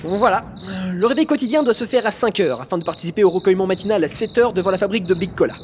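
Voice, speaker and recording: A man playing a soothing, fanatical male cult preacher in an audio drama, his voice pitched high and unctuous. Crickets and birds chirp behind him over a noisy outdoor ambience. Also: expressive, very fast. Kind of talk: amateur audio drama acting.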